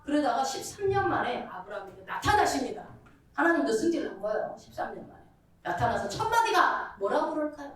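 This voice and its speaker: A woman preacher giving a lively, conversational sermon full of rhetorical questions, heard from far off in an echoey church. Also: high voice, fairly quick. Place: church sanctuary.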